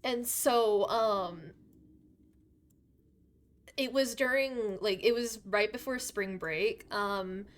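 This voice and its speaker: A young woman live-streams a game from her bedroom, her medium-pitched voice slightly worn from losing it recently. She talks slowly with long pauses, rambling and giggling, her chatter packed with fillers.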